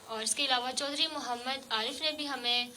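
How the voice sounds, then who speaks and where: A woman hosting a radio show, interviewing a child guest with gentle, coaxing questions full of fillers. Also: sits high, background noise. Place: radio studio.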